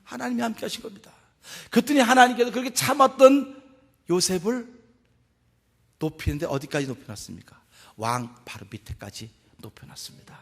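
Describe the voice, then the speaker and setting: A male pastor preaching a sermon, animated, swinging between loud exclamations and hushed asides. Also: high-pitched, a little fast, gravelly. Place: church sanctuary. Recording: long church hall reverb.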